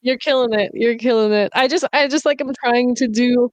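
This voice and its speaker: A woman's voice: fairly high pitch, fairly quick, dry recording. A woman playing in a tabletop game, giggly and joking. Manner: giggly, jokey. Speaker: player. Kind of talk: tabletop game session chat.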